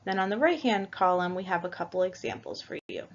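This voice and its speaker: A woman's voice: lowish voice, fairly quick. A woman teaching a Spanish language lesson, going through the alphabet letter by letter and patiently spelling out each example. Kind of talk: slow, careful language lesson. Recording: dull lo-fi recording.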